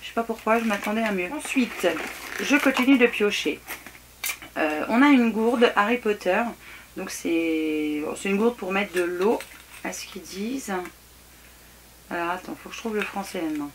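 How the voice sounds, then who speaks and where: A woman's voice: medium pitch, normal speed, noisy background. A woman chatting casually through an unboxing, frank and hesitant, with many fillers and restarts. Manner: frank, mildly critical. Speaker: vlogger.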